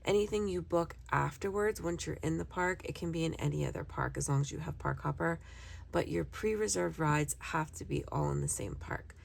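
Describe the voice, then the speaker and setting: A young woman, a little hoarse, chatting casually to viewers while working on a trip planner. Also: deep voice, moderate pace. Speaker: vlogger.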